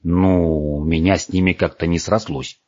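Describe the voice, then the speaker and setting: Sulky, clumsy storybook dragon, as a male narrator voices him; low husky drawl, dull dry sound. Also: steady tone, darkish tone. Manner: sulky, drawn-out.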